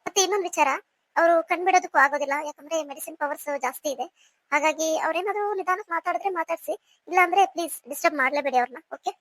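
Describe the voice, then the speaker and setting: A woman's voice: very high-pitched, rapid-fire, fairly bright tone, no room sound, pitched below the performer's own voice. A woman voicing a hospital doctor in a cartoon, giving firm instructions.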